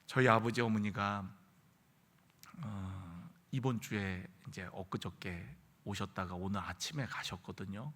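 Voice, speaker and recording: A man's voice: lowish voice, a little slow, a bit bright. A man preaching a midweek sermon as pastor, telling a story earnestly and rising to emphatic peaks. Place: church sanctuary. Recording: reverberant church hall.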